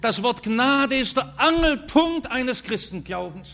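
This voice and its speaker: A man's voice: expressive, unhurried, gravelly. A man preaching a sermon, earnest, his voice rising and falling strongly as he speaks. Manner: earnest, with strong rises and falls in pitch and loudness.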